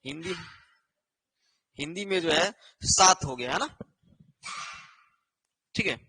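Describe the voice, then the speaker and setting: Male exam-prep tutor with a high, bright voice who repeats himself a lot and works through points on a board. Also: lively intonation, husky. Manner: repetitive, with a constant rhetorical "है ना" and "ठीक है"; explains slowly while writing on a board. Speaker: teacher. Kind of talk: online exam-prep lesson.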